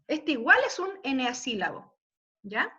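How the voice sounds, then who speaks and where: A woman teaches a class online in an unhurried, patient way, often stopping to check that everyone is following. Her voice is high-pitched. The audio is a muffled video-call recording. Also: sing-song, sharp tone, breathy edge. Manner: slow, patient explaining with frequent check-ins. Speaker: literature teacher. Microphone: computer mic on video call.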